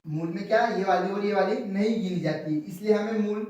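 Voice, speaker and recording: A young male teacher explains a lesson step by step and keeps asking what something is called before he answers himself. His voice sits high. He sounds distant in a strongly echoing room. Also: normal speed, a little mellow, highs cut off. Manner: repeats key terms as rhetorical questions. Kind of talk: explanatory Hindi grammar lesson. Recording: echoey room, voice from far off the mic.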